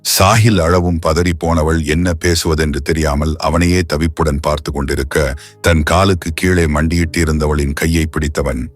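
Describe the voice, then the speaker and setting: A man reading a romance novel aloud as its narrator, with a measured storytelling delivery. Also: very deep voice, steady tone. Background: faint music.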